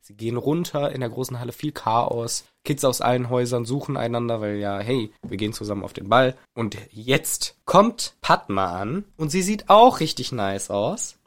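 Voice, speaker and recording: A man's voice: mid-range voice, moderate pace, hardly any pauses. A man co-hosting a casual book podcast, retelling scenes and acting out the characters' lines with laughter. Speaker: podcast co-host.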